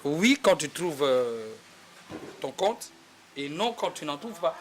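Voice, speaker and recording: Man answering thoughtfully, slightly high pitch. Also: very animated, slow, fairly bright tone, a little hiss or hum. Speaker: interviewee. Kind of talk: casual interview.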